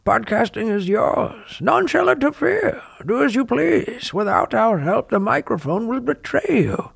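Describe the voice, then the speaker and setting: A man's voice: very high voice, big pitch swings, unhurried, creaky, breathy edge, no room sound, heavily acted. A podcast co-host, a man, doing a comic impression of a menacing masked male villain while reading a promo. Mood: mock menace.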